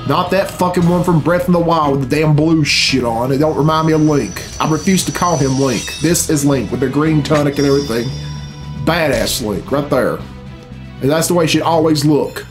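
A middle-aged man hosts a reaction video from his computer in a small room at home, with game cutscene music behind him. His fairly high voice moves at a moderate pace with frequent pauses, and his unscripted commentary is blunt, sweary and bemused.

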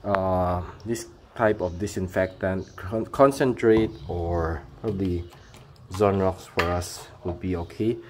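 A Filipino man from the Philippines vlogs in a low, slightly mellow voice, speaking slowly and haltingly as he explains things. It's a casual how-to demonstration filmed on a handheld phone in a paved yard or garage at home. The phone video picks up clear ambient noise.

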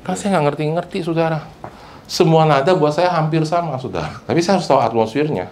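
Before a church congregation, a man preaches quickly, mixing Indonesian with English phrases and often calling for responses from the listeners. His delivery is animated and emphatic with big pitch swings, and crowd noise can be heard.

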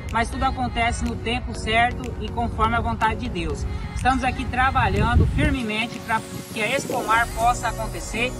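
A middle-aged Brazilian man, an event organiser, addressing people in a spoken video invitation outdoors. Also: very high voice. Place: outdoor rodeo arena at night. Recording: outdoor phone video with music.

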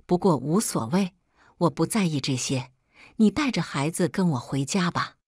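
Give me a woman voicing an arrogant young man in a storybook, shouting accusations in a low, lively voice. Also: moderate pace, breathy edge, no echo, clean studio sound. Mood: smug.

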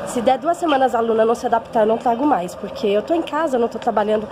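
Brief: woman, vlogging mother, slightly high voice, chatty and emotional, phone audio with clear background noise. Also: rapid-fire. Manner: chatty, emotional, often asks for agreement. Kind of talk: casual vlog chat to viewers. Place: home, then walking outdoors on a street.

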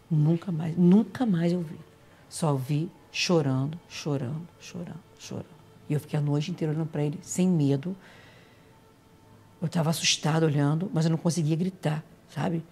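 Halting woman telling eerie memories. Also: low voice, mellow, slightly rough. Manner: emotional, halting, repeats phrases. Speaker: interview guest. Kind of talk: personal storytelling in an interview.

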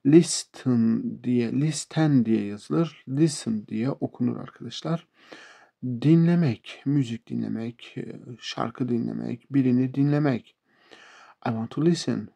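Turkish-accented male English teacher, patient and repetitive, gravelly and husky. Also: medium pitch, warm tone. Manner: slow, repeats words and example sentences. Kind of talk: explaining English verbs to beginners.

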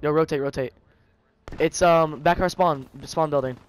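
A young man in a live team match, urgently shouting short, repeated callouts into a gaming headset. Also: on the high side, fairly even intonation, moderate pace. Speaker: gamer giving team callouts.

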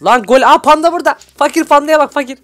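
A young man giving excitable, shouty gameplay commentary as a video host. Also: extremely high pitch, fast talker. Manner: excitable, shouty, constantly reacting. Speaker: gaming YouTuber host. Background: background music.

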